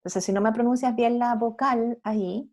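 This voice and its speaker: A woman's voice: on the high side, fairly even intonation, normal speed, darkish tone. A woman, an English teacher giving feedback on a video call, correcting and explaining patiently. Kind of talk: online class feedback.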